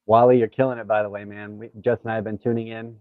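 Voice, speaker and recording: Guest man, lowish voice, talking through a metallic tin-can mic; easygoing, friendly. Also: level tone, quick pace, no room sound. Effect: tinny tin-can sound from a faulty mic. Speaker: guest on a live show. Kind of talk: casual chat. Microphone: remote mic on a call. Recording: tinny, phone-like remote mic.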